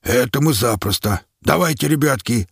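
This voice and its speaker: A man voicing a gruff, loud older army captain who barks his orders. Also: medium pitch, lively intonation, moderate pace, dry recording, clean studio sound, pitched above the performer's own voice. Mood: gruff coaxing. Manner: barking, bellowing.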